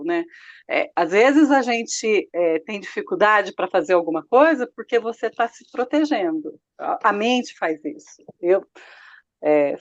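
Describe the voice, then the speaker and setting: A woman adding her thoughts in a church study group, hesitant and filling pauses often. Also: medium pitch, dry recording, dull audio. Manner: hesitant, repeats fillers like "então". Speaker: Bible study participant. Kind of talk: casual group discussion.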